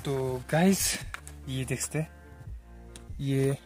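A young adult vlogger casually shows off his gear on an outdoor hillside beside a motorbike, chatting in a rambling way full of filler words, his mid-range voice unhurried. A helper holds the camera a few steps away, so the audio is distant and loud music plays over it.

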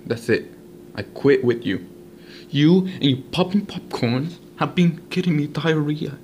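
This prank-chat host's voice is fairly high with a darkish tone, his pace unhurried, as he jokes around in slang over a walkie-talkie app. He switches between English and Spanish, and the amateur home recording is noisy.

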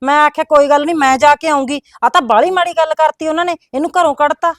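Lady playing a fast high-voiced matchmaker, indignant but reassuring. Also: steady tone, dry recording, clean studio sound, lightly acted. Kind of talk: rural family drama acting.

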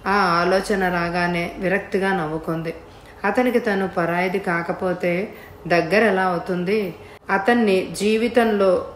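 A woman narrating an audiobook story in a steady, measured voice. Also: lowish voice, echoey room, slight background noise.

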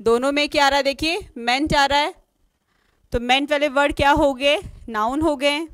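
A woman's voice: high-pitched, fairly even intonation, normal speed, fairly bright tone, no room sound. A woman teaching an online exam-prep lesson, spelling words out letter by letter and asking questions she then answers herself. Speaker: English teacher.

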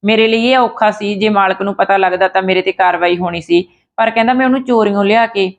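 A woman retells a true story in a chatty, unscripted way, circling back with fillers and restarts. Her voice sits at a medium pitch, and the recording sounds dull and lo-fi. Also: fast, vocal fry. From Punjab.

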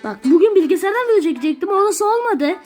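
A woman's voice: very high voice, animated, quick pace, darkish tone, faint music behind. A woman ranting and swearing through gameplay commentary in a small bedroom at home. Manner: irritable, swears constantly, rants at the game. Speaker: gaming video creator.

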